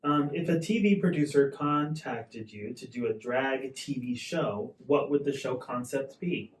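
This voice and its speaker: A man with a medium-pitched voice chats casually as he conducts an interview. He sounds a little distant in an echoey room, with faint noise behind him. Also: a little slow. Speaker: interviewer reading out questions.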